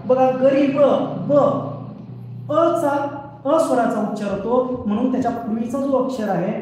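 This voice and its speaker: Male teacher, high-pitched, patient, repeats rules, quizzes himself; echoey distant room recording. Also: brisk, mellow, a little hiss or hum. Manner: explains patiently, asks questions and answers them himself; repeats each rule several times. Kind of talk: online scholarship exam grammar lesson. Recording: very echoey hall, voice far from the mic.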